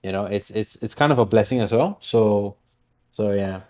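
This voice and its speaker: A man's voice: on the low side, moderate pace, darkish tone. A man from Singapore chatting casually as a guest, hesitant, often repeating words and laughing. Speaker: project guest. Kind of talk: casual chat.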